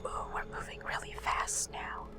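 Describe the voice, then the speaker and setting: A person in a whispered role-play, giving wry, deadpan, teasing reactions. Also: moderate pace. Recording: whisper over loud music.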